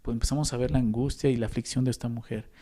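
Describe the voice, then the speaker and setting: A man's voice: mid-range voice, fairly even intonation, very fast, dark tone. A man with a Mexican accent preaching a sermon as a pastor, conversational and often adding tag questions to the listeners. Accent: Mexican Spanish.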